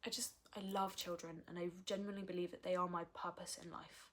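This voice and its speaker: Woman, early twenties, candid vlog talk, earnest, somewhat low voice. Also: little pitch movement, fast talker, a bit bright. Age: early 20s. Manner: frank, earnest, with swearing. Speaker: vlogger.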